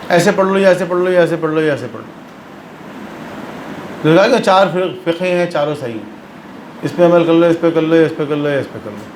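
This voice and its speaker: A man teaches a religious lesson with a fairly high voice. He explains step by step and repeats phrases for emphasis. The recording is roomy and echoey, with a faint hum behind him. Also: long pauses, a little mellow. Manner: explanatory, mixes English terms into speech. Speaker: religious lecturer.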